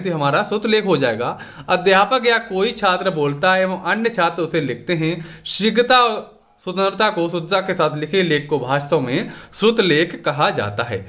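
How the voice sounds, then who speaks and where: A man's voice: high voice, fairly bright tone. A man with a Hindi accent going through exam questions as a tutor, casually asking and answering his own questions. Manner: conversational, repeatedly asks and answers own questions. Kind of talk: exam revision lesson.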